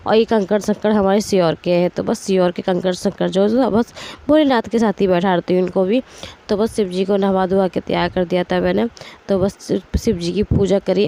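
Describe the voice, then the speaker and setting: A woman in her thirties with a hoarse, strained voice from a cold, chatting casually as she narrates her household day. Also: medium pitch, dark tone. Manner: chatty, rambling, straining her throat to speak. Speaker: vlogger, homemaker. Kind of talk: casual voice-over narrating daily routine.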